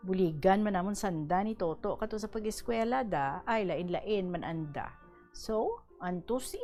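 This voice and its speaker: A woman with a Hiligaynon accent hosting a radio program and reading a listener's letter aloud with lively, animated delivery. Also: mid-range voice.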